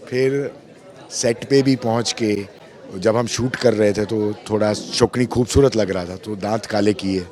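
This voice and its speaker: A man being interviewed about an acting role, telling lively stories, acting out quoted lines and mixing in English phrases. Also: lowish voice, a little slow, some chatter behind. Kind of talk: animated storytelling interview.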